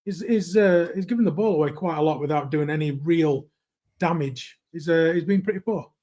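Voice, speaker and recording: A man's voice: on the high side, normal speed, dark tone. A man reporting from a football ground with a chatty update, rating the players one by one. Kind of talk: live match update.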